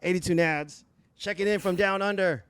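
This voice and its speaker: A man's voice: sits high, fairly even intonation, moderate pace, heavy background noise. A man hosting a casual livestream interview as a DJ, hyped and full of praise. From United States. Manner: hyped, repeats praise like "very dope". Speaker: livestream DJ host.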